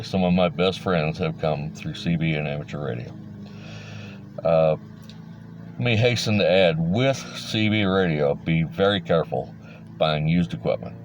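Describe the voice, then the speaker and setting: There's slight background noise behind this deep-voiced middle-aged man. He's a hobbyist presenter giving a folksy, plain-spoken, rambling explainer, casual and informal, like he's chatting with fellow enthusiasts.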